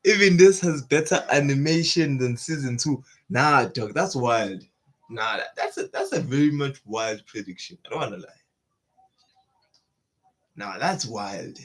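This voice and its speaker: A young man hosting an anime reaction, chatting casually in slang and breaking into excited bursts. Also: mid-range voice, measured pace.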